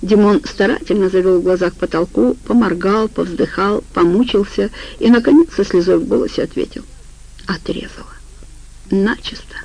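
A woman narrating a detective audiobook in an even, measured manner. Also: mid-range voice, creaky, low-quality recording. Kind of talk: scripted narration.

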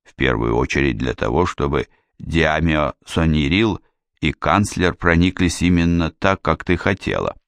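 A calm, wry king with a soft, gently teasing way of talking, as a male narrator reads him. The voice sits extremely low and deep. It sounds close and dry, with no room around it. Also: a little slow, no room sound, heavily acted. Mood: gentle. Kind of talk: audiobook character reading.

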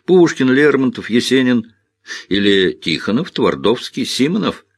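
A playful young village woman who mocks and teases, lively and quick to laugh, as a man reading the book takes her part. The voice is husky but raised above the reader's low register and swings widely. The recording is close and dry. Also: no room sound, exaggerated voice. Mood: teasing. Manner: mocking, playful. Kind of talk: audiobook character voice.

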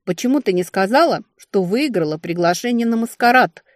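A domineering, scheming middle-aged mother who lectures in a raised, accusing tone, as a woman reads her for an audiobook. The voice is set a little higher and louder than the narration, in a dry, close recording. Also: animated, brisk, no echo, lightly acted.

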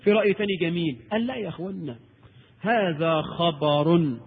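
A man preaching a lecture in Egyptian Arabic, animated and rhetorical, asking and answering his own questions. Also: fairly high pitch, fairly quick, slightly rough. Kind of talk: recorded Islamic lecture. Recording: tinny old tape in a reverberant hall.

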